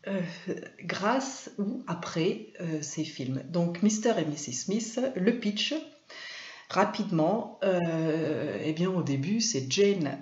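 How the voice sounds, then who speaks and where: A woman's voice: fairly low pitch, darkish tone. A French woman hosting a weekly live film talk, hesitant, with many fillers and restarts. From France. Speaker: host and film trainer. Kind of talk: casual live-stream talk. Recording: roomy, dull lo-fi sound.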